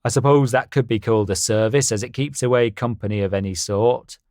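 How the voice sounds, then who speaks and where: A man voicing a brawny, blunt male brumby horse in a storybook reading, talking in a gruff, deadpan way. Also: mid-range voice, fairly quick, dry recording, studio quality, lightly acted. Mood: teasing.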